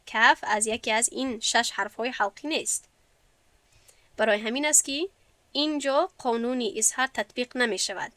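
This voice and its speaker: A woman with a Tajik Persian accent, teaching a classroom lesson and slowly stretching out example words as she explains them. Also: on the high side, pushed and bright, no room sound. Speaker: Quran recitation teacher.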